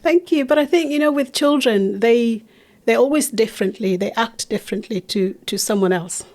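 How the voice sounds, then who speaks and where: A middle-aged woman from Uganda, a guest in a conversational interview, speaks at normal speed in a fairly high, slightly mellow voice. She talks earnestly about teaching and her charity, often restarting her sentences.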